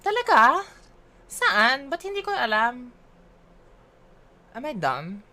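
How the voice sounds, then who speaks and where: High-pitched and sing-song, this streamer talks slowly with a sharp tone, her Filipino accent coming through as she jokes at her own expense. She switches between English and Filipino in casual livestream chat while she games.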